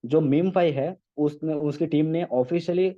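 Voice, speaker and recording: A man walks an online meeting through a casual screen-share tutorial, explaining step by step and often checking in with "okay?" and "right?". His voice is a little high, a little slow and dark in tone, and the call audio sounds dull.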